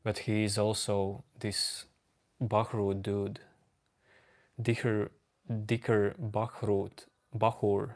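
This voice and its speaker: Calm flat-voiced man with a Latvian accent. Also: lowish voice. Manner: slow, calm, reading out chat names. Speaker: livestream host. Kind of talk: casual chat with live chat readers.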